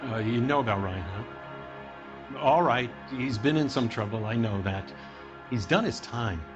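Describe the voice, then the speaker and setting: A man's voice: medium pitch, unhurried, dull audio, music in the background, close to an everyday voice. A man playing an evasive, defensive 1940s business boss in a video game, hedging as he answers. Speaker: heater company manager.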